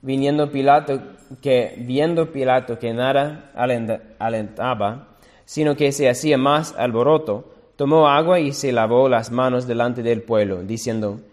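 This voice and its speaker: A man preaching a sermon, reading scripture aloud slowly and deliberately, now and then correcting himself. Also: medium pitch, long reverb tail.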